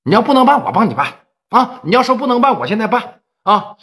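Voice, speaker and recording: A man with a Northeastern Chinese accent voicing a tough, smooth-talking gang leader who speaks firmly and persuasively. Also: very high-pitched, big pitch swings, fast talker, fairly bright tone, voice pushed up, exaggerated voice. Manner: firm, persuasive.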